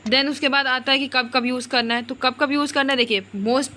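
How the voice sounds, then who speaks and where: Bright-voiced woman teaching grammar. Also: high voice, fairly even intonation, normal speed, slight background noise. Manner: repeats words to explain, many fillers and restarts, mixes English into Hindi. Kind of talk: explanatory online lesson.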